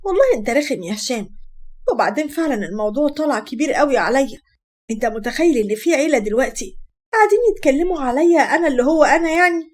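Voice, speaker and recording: A woman's voice: high voice, animated, very fast, voice pushed up. A woman voicing a shy, gushing young college student with an Egyptian Arabic accent. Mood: bashful. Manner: bashful, gushing.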